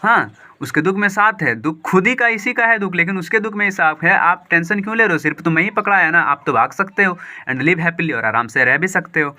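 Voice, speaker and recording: A man reading a story aloud slowly, line by line, and explaining each word and phrase in quick, lively Hindi as a teacher. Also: high voice. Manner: slow deliberate reading of English lines, then quick lively Hindi explanation. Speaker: English teacher.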